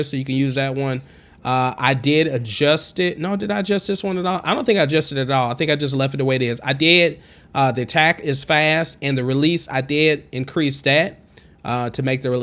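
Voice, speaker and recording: Chatty and encouraging, with a tendency to digress, a man in his thirties talks through a music production tutorial from his home studio, where a green screen hangs behind him. His high, twangy tenor is smooth and fairly bright, picked up by a studio condenser mic with a pop filter as he wears headphones.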